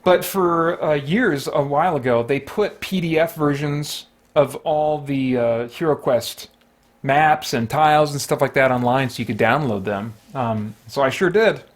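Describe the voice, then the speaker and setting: A man with a fairly high voice hosts a solo tabletop game at a measured pace. He casually narrates his moves, thinking aloud as he talks himself through the rules and his choices.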